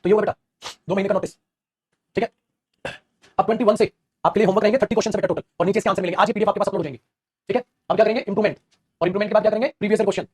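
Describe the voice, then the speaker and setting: A man teaching an English grammar class in rapid Hindi mixed with English, calling his students "beta" as he corrects their answers. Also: high voice, steady tone, breathy edge. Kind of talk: online coaching lesson.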